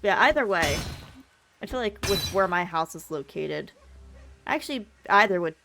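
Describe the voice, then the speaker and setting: A woman's voice: fairly low pitch, lively intonation, normal speed, gravelly, noisy background. A woman live streamer giving casual gaming commentary, chatting and thinking aloud with some mild swearing.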